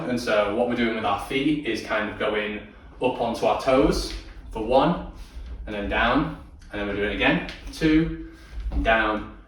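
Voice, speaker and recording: A man's voice: fairly low pitch, fairly bright tone, a little hiss or hum. A man teaching a dance tutorial, counting out beats, singing cues and chatting encouragingly with many ums. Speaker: dance instructor. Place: dance studio. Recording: very echoey studio from far off.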